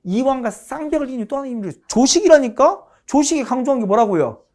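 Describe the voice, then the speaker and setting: Lively woman lecturing on history. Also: high voice, fast talker. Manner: animated, asks the class questions and answers them herself; emphatic, repeats her points.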